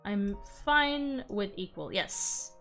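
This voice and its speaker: A woman streams a roleplay game in the manner of a rambling professor. Her delivery is slow and hesitant, with bookish phrasing and a medium pitch. Faint music plays behind her. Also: very animated, creaky, a bit bright. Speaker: streamer playing an in-character professor. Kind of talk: live in-character Minecraft roleplay commentary, chatting with viewers.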